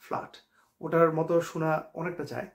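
A man with a Bangladeshi accent teaching English pronunciation, stretching example words out slowly and dropping in casual jokes. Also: on the high side, level tone, gravelly. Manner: slow, drawn-out example words; casual, joking asides. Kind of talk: pronunciation lesson.

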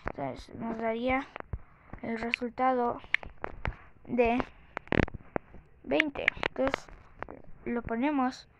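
A youthful woman with a high voice talks through a casual game tutorial. She goes slowly and haltingly, thinking aloud. The mic sounds muffled and clearly noisy. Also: steady tone. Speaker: tutorial host. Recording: muffled lo-fi mic with clicks and noise.

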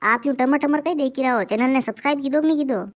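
Rajasthani woman for a comic cartoon, high, fast bantering delivery. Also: highs cut off. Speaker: cartoon comedy voice actor. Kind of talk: comic dialect cartoon voicing.

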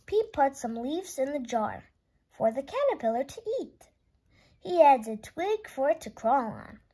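A woman with a high, lively voice reads a picture book aloud. Her delivery is expressive and swings up and down, with some words drawn out for little kids. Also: measured pace. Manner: expressive, stretches words for young listeners. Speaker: children's book reader.

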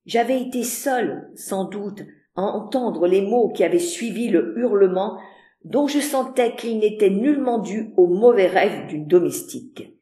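A woman narrating a classic novel as an audiobook, measured and expressive. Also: medium pitch. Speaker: audiobook reader. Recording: roomy echo.

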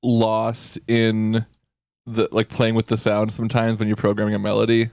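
A man's voice: lowish voice, completely flat delivery, normal speed, darkish tone, no room sound, clean studio sound. A man in the band chatting on a livestream, rambling through stories and asking questions. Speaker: band member. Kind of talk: casual chat on a livestream.

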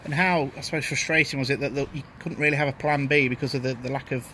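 Fast-talking male club interviewer. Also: medium pitch, fairly even intonation. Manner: rapid, leading questions. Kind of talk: post-match interview questions. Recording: outdoor noise behind.

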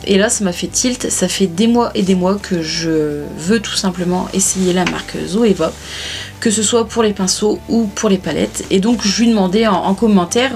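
A beauty vlogger chats casually to camera about her recent beauty purchases in a haul video, full of hesitations, fillers and restarts. Her voice is medium-pitched and a little mellow.

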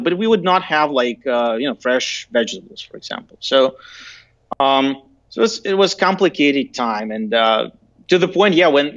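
A man in his thirties with a Belarusian accent, telling stories casually and haltingly as an interview guest. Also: mid-range voice, a bit bright. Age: 30s. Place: indoor room, video call. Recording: dull lo-fi video-call audio.

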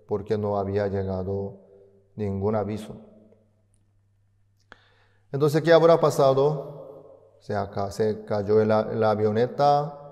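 A man telling a story as a sermon, in a slow, halting way with restarts and tag questions, with long hall reverb. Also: lowish voice, mellow, muffled recording. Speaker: speaker at an online concert.

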